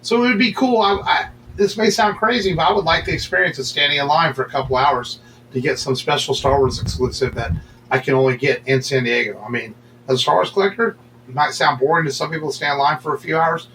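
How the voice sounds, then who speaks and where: A man's voice: a little high, fast talker, a bit bright, rough recording. Male podcast co-host, casual and rambling, full of ums and restarts, with faint noise behind him. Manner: rambling, many fillers and restarts.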